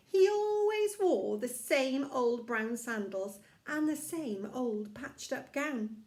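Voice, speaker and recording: Kids show host lady doing storytime, unhurried, sing-song, really high voice. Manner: sing-song, exaggerated and encouraging, addressing children directly. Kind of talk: reading a picture book to children, kids show host.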